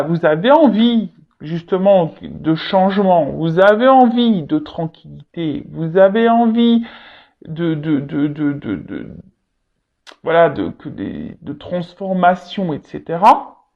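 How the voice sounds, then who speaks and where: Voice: medium pitch, highs cut off. A tarot reader giving an unscripted reading straight to viewers, often stalling, repeating words and leaning on fillers.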